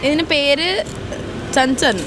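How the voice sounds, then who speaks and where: High-pitched Malayali woman mixing Malayalam and English. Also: steady tone, takes it slowly. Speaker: travel vlog co-host. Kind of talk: casual vlog chat. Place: outdoors on busy city streets. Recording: loud street traffic noise.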